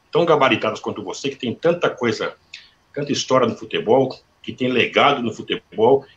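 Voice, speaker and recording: Over a lo-fi video call, a man with a medium-pitched voice hosts a live online interview, chatting freely and reading sponsor plugs before asking his questions.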